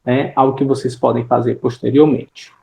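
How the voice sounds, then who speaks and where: A woman's voice: rumbling low, flat delivery, normal speed, creaky, mellow, echoey room, a little hiss or hum, low-quality recording. A woman teaching an English class online with a Brazilian accent, explaining in Portuguese and checking in with frequent tag questions.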